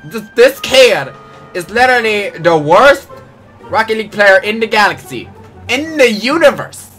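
A man calls his own match out loud, joking and groaning at every play. His voice sits a bit high and bright, and it leaps up and down as he reacts. Faint music plays behind him. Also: a little slow. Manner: excitable, jokey, groans and yelps at plays. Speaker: gaming channel host. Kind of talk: live gameplay commentary.

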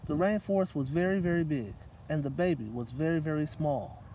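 A middle-aged man with a warm voice on the high side reads a children's picture book briskly as a guest at an outdoor park table. The sound is lo-fi, captured by a distant microphone with light outdoor noise.

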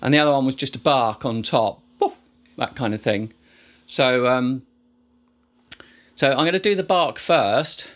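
A man's voice: medium pitch, unhurried, pauses often. Man casually explaining a didgeridoo technique. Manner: relaxed, rambling, with many fillers and restarts. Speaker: didgeridoo teacher.

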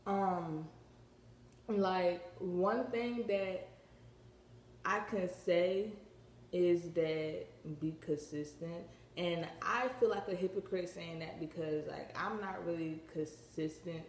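A teenage girl chatting to her camera in a loose, slangy ramble, full of filler words and a slight retainer lisp. Her voice sits low for a girl, and the room around her rings with echo under a faint hiss of background ambience. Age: teens. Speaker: vlogger. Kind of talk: casual vlog chat.

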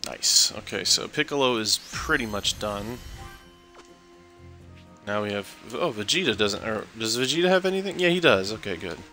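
A man's voice: fairly low pitch, lively intonation, moderate pace. A young man streaming a game, chatting casually and correcting himself as he talks, while he has the hiccups. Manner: rambling, self-correcting, chatty. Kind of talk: casual gameplay commentary. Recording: game music loud behind voice. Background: game music.

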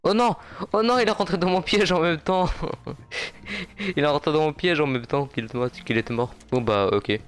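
A young man casually commenting on his gameplay for viewers, excitable and quick to laugh. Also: a little high. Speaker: gaming YouTuber.

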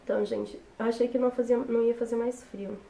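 A young woman, hoarse from a cold, chatting casually through a makeup tutorial. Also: fairly high pitch, flat delivery, fast talker, warm tone. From Brazil. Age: young adult. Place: small bedroom, indoors. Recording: roomy echo with background noise.

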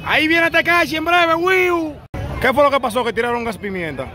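A Dominican man reporting live from a city street on a handheld phone, his voice sitting very high. He jokes, whoops and shouts over a noisy crowd around him. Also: fast talker. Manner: excitable, joking, whoops loudly. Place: outdoors on a city street by a courthouse.

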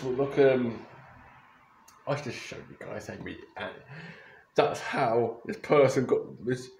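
A young adult YouTuber rambles through casual commentary while reacting to photos, restarting and correcting himself as he goes. His voice is medium-pitched with a darkish tone, picked up at close range by a webcam or phone camera in a small, echoey bedroom.

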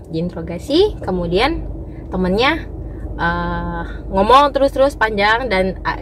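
A young adult woman giving a personal church testimony. She tells it as a lively story, with many fillers and restarts, and turns to the audience directly. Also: medium pitch, slight background noise. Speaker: testimony speaker.

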